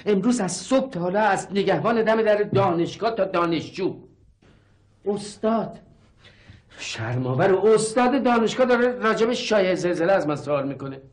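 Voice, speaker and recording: A man's voice: sits high, animated. An actor playing an irritable, skeptical middle-aged professor and father, exasperated and dismissive in a sitcom. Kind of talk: TV sitcom acting.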